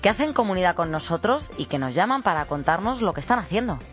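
Casting: female radio co-host, Castilian Spanish accent, slightly low voice, casual chat over faint music. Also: lively intonation, fast.

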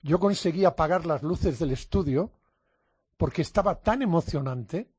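Older male radio interviewer, slightly raised pitch, husky, lively anecdotes. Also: normal speed, no echo, studio quality. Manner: animated storyteller. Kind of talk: casual radio chat.

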